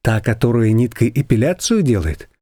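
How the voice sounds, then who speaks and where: A man reading an audiobook voicing a weary young woman who gently objects. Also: medium pitch, sing-song, moderate pace, no echo. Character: tired, patient young woman, mildly protesting.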